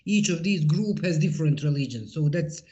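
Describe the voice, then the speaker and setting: A woman's voice: deep voice, lively intonation, normal speed, mellow, lo-fi sound. A middle-aged woman with a Bosnian accent giving a personal interview account, hesitant and often searching for words. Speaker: interviewee, interfaith peace-building activist.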